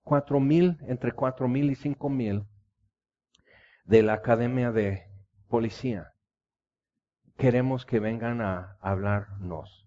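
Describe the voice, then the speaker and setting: Male preacher, impassioned storytelling, mellow tone, lo-fi recording. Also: medium pitch, slow pace, pauses often. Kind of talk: sermon. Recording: dull lo-fi recording.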